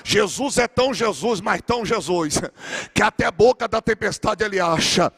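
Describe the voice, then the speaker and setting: Gravelly-voiced fervent Brazilian preacher. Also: male voice, high-pitched, moderate pace, a bit bright. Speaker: pastor. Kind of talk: Pentecostal sermon. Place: church with a gallery.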